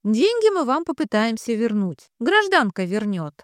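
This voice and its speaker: A woman's voice: a little high, big pitch swings, normal speed, dry recording, studio quality, voice pushed up. A woman voicing a male police sergeant who gives polite but curt orders. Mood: brisk. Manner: curt orders, barks when angry.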